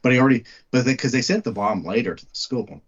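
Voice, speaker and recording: A man's voice: medium pitch, quick pace, husky, lo-fi sound. A man with a West Texas twang chatting casually about film, emphatically stating his opinions and rephrasing his points. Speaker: movie podcast co-host.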